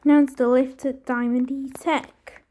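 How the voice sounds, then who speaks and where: A woman's voice: high voice, level tone, a little slow, warm tone. A woman giving a casual running commentary in clipped, fragmentary remarks as a tour presenter.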